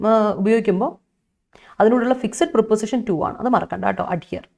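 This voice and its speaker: A woman's voice: fairly high pitch, quick pace, gravelly, a little mellow. A young woman with a Malayali accent teaching English vocabulary in an online exam-prep lesson, chatty and coaxing, repeating key points.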